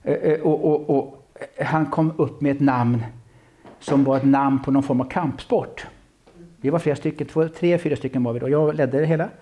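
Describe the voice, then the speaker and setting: A man's voice: mid-range voice, a little hiss or hum. A man preaching a sermon, telling stories with many restarts and repeated words. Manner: animated storytelling with many restarts. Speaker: pastor.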